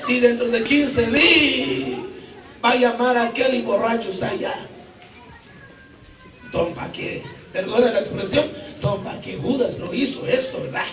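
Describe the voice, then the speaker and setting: High-voiced fervent man preaching, echoey. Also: a little slow, pauses often. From Guatemala. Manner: fervent, shouting and asking the crowd for replies. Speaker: evangelist preacher. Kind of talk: sermon. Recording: echoey room from far off.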